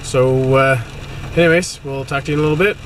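A man's voice: mid-range voice, steady tone, a little fast. A man, chatting casually as a dad in a family vlog, easygoing with many fillers. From Newfoundland, Canada. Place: inside a car, then a bowling alley. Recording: loud road and room noise.

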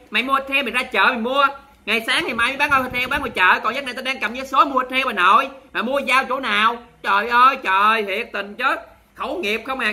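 A man with a Southern Vietnamese accent hosts a charity livestream at a rapid clip. His voice is very bright and sharp, and he talks in a sassy, theatrical way, scolding his viewers in jest. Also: very high-pitched. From Mekong Delta, Vietnam. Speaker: livestream host.

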